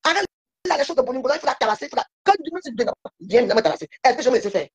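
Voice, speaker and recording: A woman's voice: high voice, expressive, rapid-fire, breathy edge, no echo. A woman guest on a live stream, complaining in a heated, repetitive way. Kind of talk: casual live-stream chat.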